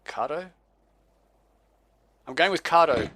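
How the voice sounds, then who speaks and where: A man with an Australian accent co-hosts a casual podcast in a laid-back way, chuckling and stumbling over names as he reads them out. His voice is on the high side, animated, slow, bright, and forceful. There's slight background noise.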